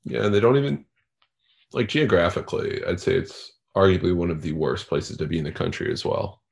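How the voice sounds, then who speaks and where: Deep voiced guy, kinda halting, keeps restarting, dry jokes on a sports podcast. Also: lively intonation, vocal fry. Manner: halting, repeats words, dry humor. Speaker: podcast guest. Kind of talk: casual sports chat.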